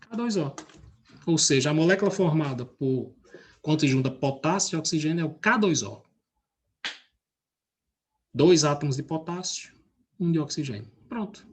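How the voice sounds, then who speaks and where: A man's voice: fairly high pitch, animated, moderate pace, pauses often. A male chemistry teacher, speaking from his computer during a class. He often stops to check in with students and ask questions. He explains ideas through everyday comparisons. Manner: checks in with students by name and asks frequent questions.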